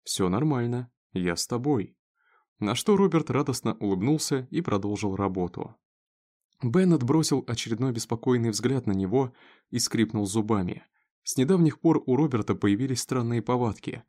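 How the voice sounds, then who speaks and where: A man reading a dramatic story aloud in a steady narrating voice. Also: medium pitch, moderate pace. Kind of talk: scripted audiobook narration.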